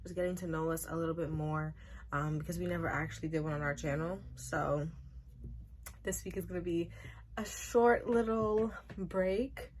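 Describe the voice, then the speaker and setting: A woman's voice: sits low, little pitch movement, brisk, a little hiss or hum, rough recording. A woman, talking casually as a podcast host introducing herself. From Queens, New York. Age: early 20s.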